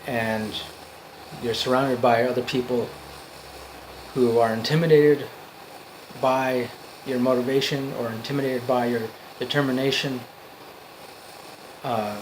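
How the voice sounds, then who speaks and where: A man giving an off-the-cuff motivational monologue, earnest and emphatic, in halting phrases that repeat for emphasis. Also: mid-range voice, fairly even intonation, a little hiss or hum, low-quality recording. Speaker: amateur motivational speaker.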